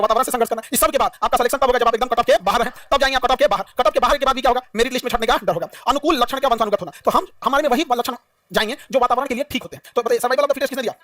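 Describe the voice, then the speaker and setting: High-voiced, fast-talking male teacher. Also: fairly bright tone, dry recording. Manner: repetitive, quizzing, humorous. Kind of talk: classroom lecture. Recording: dry, mic at a distance.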